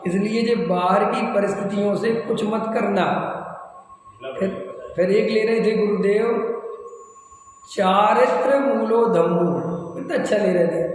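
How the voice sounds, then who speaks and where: A man giving a Jain religious discourse, explaining points and asking his listeners questions, slowing down for emphasis. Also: sits high. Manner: explanatory, asks the audience questions, slows for emphasis. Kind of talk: sermon. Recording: echoey hall with faint noise.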